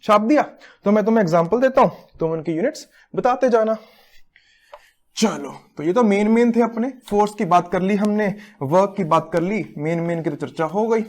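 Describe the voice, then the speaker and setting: A man's voice: high-pitched, normal speed. A man in his thirties giving a physics lecture, playful and teasing, joking about himself as he works through units. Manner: playful, teasing, self-mocking. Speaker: physics teacher. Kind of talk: recorded classroom lecture.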